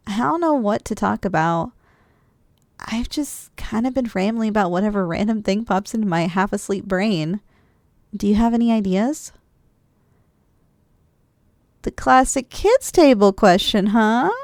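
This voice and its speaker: For a cuddly ASMR roleplay, a woman plays a sleepy, loving, young-sounding wife who's affectionate, drowsy and playful while cuddling after a big dinner, in an intimate one-sided dialogue. She's soft, teasing and chatty, with sighs and giggles and a very animated pitch, recorded close and dry.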